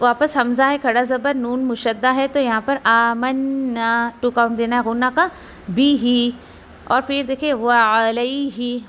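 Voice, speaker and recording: A woman teaches Quran recitation. She explains each rule patiently and says words slowly to model them, then repeats them. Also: high-pitched, a bit bright. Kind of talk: tajweed lesson with slow recitation.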